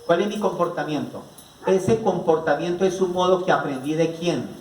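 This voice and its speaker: A man with a Colombian accent delivers a family psychology lecture, repeatedly asking the audience rhetorical questions. His voice sits a little high for a man. The recording is roomy and distant, with faint noise behind him. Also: normal speed, a little mellow. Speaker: psychologist giving a family conference. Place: rural venue with an audience. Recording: echoey room picked up from a distance.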